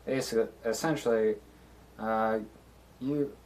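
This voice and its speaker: A man playing a solo tabletop game on a live stream, deliberating out loud with many fillers and restarts. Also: fairly low pitch, steady tone, a little slow.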